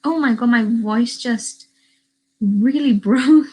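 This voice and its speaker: A teenage YouTuber from Northern Ireland casually rambles on a livestream while answering questions from chat, captured on a webcam. Her voice is fairly high, husky and warm, and she speaks slowly.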